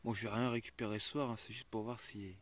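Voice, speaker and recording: A young man's lowish voice holds a steady tone as he talks fast in a casual travel vlog by a river, with noticeable background noise. He's chatty with his viewers and dogs and swears now and then when he gets annoyed.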